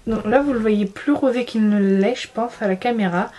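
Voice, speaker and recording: A woman's voice: a little high, moderate pace, dark tone. Chatty, giggly young woman vlogger. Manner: chatty, giggly, self-deprecating, frequent restarts. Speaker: beauty vlogger. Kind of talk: casual makeup favorites chat.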